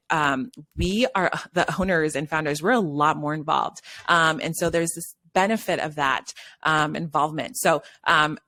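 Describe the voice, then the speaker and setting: A Brazilian podcast host with a light accent speaks at medium pitch with a fairly bright tone. In a casual interview, the host chats upbeat and gushes with praise.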